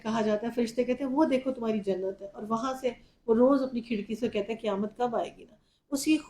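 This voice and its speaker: A woman's voice: a little high, dark tone, reverberant, low-quality recording. Woman giving an Urdu religious lecture. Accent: Pakistani Urdu. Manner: vivid storytelling with personal anecdote. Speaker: Quran teacher.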